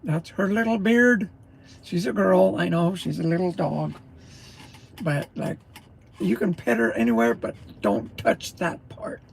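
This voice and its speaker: This gravelly-voiced trucker sits high in pitch and talks a little slowly, with a faint hiss or hum on the recording. He rambles through a casual morning livestream, chewing breakfast while he greets viewers.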